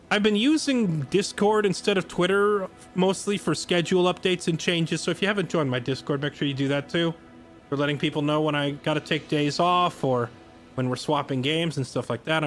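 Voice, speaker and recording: Tired, sarcastic male streamer. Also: on the high side. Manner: sarcastic, chatty, self-deprecating. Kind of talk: casual live-stream chat.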